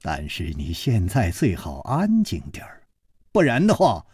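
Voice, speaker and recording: A man voicing a calm, carefree young hero who talks in an unhurried, faintly mocking manner. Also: on the high side, no room sound, clean studio sound.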